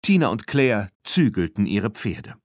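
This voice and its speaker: Lively man reading a children's audiobook. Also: fairly low pitch, unhurried, no room sound, clean studio sound. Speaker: audiobook narrator. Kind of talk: scripted narration.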